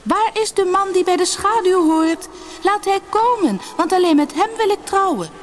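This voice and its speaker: Woman reads a haughty young beauty, pitched high, swinging between pride and pleading. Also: big pitch swings, moderate pace, a little mellow, slight background noise, close to an everyday voice. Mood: excited calling. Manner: haughty, then pleading and desperate.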